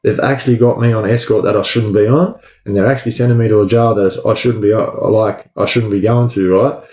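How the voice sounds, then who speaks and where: A man's voice: fairly low pitch, fairly even intonation, brisk, darkish tone. An Australian man chatting casually and spinning a yarn on a livestream, in sweary, matey eshay street slang. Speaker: livestream storyteller. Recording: echoey room.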